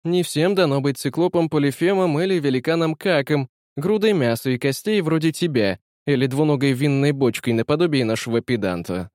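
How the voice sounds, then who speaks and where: Мужчина играет тощего насмешливого актёра-хвастуна. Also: male voice, on the high side, expressive, fairly quick, few pauses, darkish tone, no echo, clean studio sound, natural voice. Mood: mocking. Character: gaunt, boastful male actor playing braggart captains.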